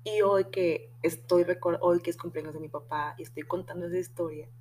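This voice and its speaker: Her pitch is fairly low, her tone steady and a bit mellow, and she moves at a fairly quick pace over faint background noise. The young Mexican-accented woman hosts a podcast, sharing a personal story loosely, full of slang and the odd curse word.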